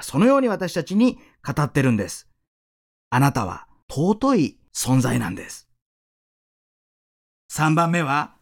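A man preaching a sermon as a pastor, earnest and speaking straight to the listener. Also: high-pitched. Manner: earnest, addressing listener directly.

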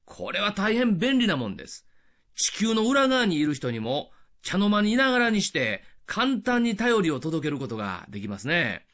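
Lively older male radio preacher, high voice. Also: normal speed. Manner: lively, explanatory with rhetorical questions. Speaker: radio evangelist. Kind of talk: radio sermon.

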